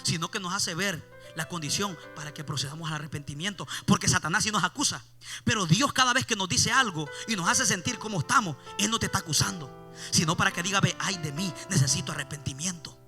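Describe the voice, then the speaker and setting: High piercing guy preaching a fired-up church sermon, soft music behind. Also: fast talker. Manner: impassioned, repeats "mi amado hermano"; swells loud in refrains, drops low for quotes. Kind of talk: evangelical sermon.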